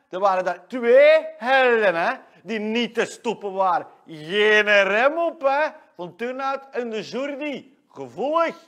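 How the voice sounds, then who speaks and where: A man's voice: a little high, a bit bright. An actor playing a cocky 22-year-old shop salesman with a Leuven Flemish accent, who boasts and talks about himself in the third person in a comedy monologue. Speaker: comic character giving weekly rundown.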